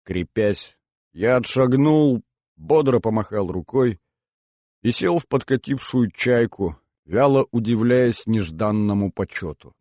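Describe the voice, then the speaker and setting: Measured and even, a male narrator delivers an audiobook in storytelling fashion. Pitch is medium, there's no echo, and the sound is clean and studio-made.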